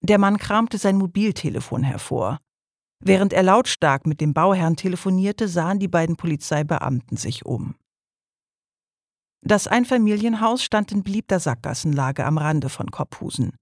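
A man reading a crime novel aloud as an audiobook narrator, in measured storytelling. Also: high-pitched, expressive, no room sound, clean studio sound.

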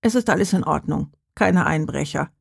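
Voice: medium pitch, lively intonation, normal speed, vocal fry, husky, exaggerated voice. An audiobook reader voicing a stubborn, reclusive woman of around eighty who answers curtly and firmly. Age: 80s. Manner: curt, firm.

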